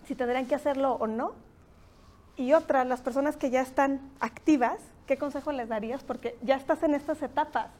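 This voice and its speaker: A woman's voice: high voice, a little mellow. A woman with a Mexican accent hosting a podcast interview, reflective and thinking aloud, often ending points with a questioning tag. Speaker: podcast host. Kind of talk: conversational interview.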